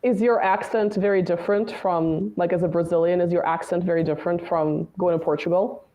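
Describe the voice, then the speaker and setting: Over dull audio, a woman guest commentator in a casual political discussion talks at length in a fairly low, rather flat voice, speaking a bit quickly. She keeps tacking on "right?" and "you know."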